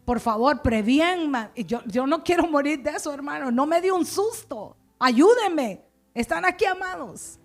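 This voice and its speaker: A woman's voice: high voice, lively intonation, unhurried, soft background music. A woman pastor preaching a sermon in a conversational, coaxing way, often checking in with her listeners. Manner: conversational, coaxing, frequent "verdad" and "amados".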